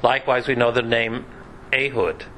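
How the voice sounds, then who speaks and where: Guy teaching a bible class, bright sharp voice, chatty with dry little jokes. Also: medium pitch, little pitch movement, moderate pace, a little hiss or hum, rough recording. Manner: chatty, with dry joking asides. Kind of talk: conversational Bible class lecture.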